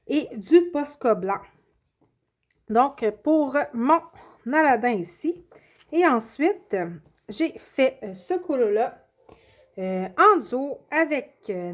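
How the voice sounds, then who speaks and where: Hesitant Québécoise woman, slightly high voice. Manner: hesitant, many filler sounds and self-corrections. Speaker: coloring channel host. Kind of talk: casual show-and-tell of finished coloring pages.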